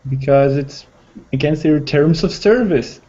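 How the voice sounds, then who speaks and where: A man's voice: fairly high pitch, measured pace, mellow. A man in a casual group video chat who makes dry, matter-of-fact remarks. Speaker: hangout participant. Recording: dull lo-fi call audio with faint noise.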